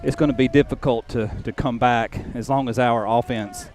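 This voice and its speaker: A man working as play-by-play announcer, briskly calling a live football game at an outdoor stadium. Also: mid-range voice, steady tone, a little mellow. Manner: brisk, calls plays as they happen.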